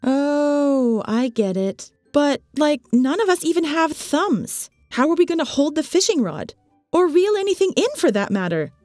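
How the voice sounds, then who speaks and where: Lady doing a goofy anxious labrador, cartoon, rambly, high bouncy voice. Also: sing-song, a little slow, darkish tone, no echo, clean studio sound, soft background music. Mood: dim, rambling. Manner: nervous, rambling. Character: dim, anxious, chatty Labrador dog.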